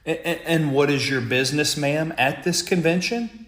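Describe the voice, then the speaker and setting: A man's voice: a little high, normal speed, a bit bright, close to an everyday voice. A man voicing a nervous, flustered single man on a plane who stammers as he asks questions. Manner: stammering, hesitant. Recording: echoey room.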